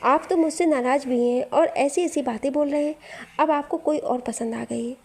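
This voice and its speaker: A woman's voice: sits high, moderate pace, darkish tone. A woman playing a teary, insecure young bride. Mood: hurt. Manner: pleading, hurt.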